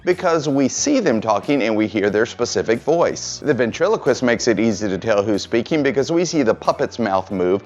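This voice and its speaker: A man's voice: mid-range voice, expressive, normal speed, hardly any pauses, a little mellow, dull audio, soft background music. A man hosting an instructional video, narrating from a script in plain, encouraging explainer style. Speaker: host of tutorial videos for performers.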